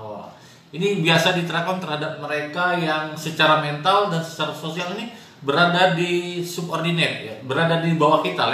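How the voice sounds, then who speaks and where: Male hypnosis teacher, bright voice, casual explainer, heavy room echo. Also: medium pitch. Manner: explains with frequent "ya" tags and homely examples. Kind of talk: casual spoken lesson. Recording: very echoey room, faint noise.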